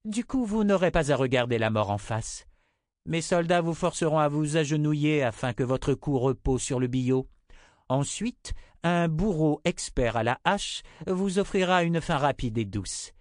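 A man reading an audiobook, voicing a cold, composed woman who rules as mother confessor, in a raised, measured voice. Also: on the high side, expressive, dry recording, studio quality, voice pushed up, natural voice. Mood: coldly calm. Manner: icy, unshakably composed.

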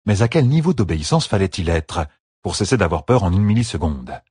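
A man narrating an audiobook in an even, measured storytelling voice on a close studio mic. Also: low voice, slightly rough, no room sound. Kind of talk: scripted narration.

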